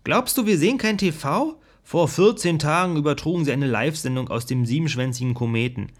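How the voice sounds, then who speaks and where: A man's voice: a little high, brisk, voice pushed up, lightly acted. A man voicing a mocking spacer who heckles in a pub scene of an audiobook, with a taunting, sneering manner.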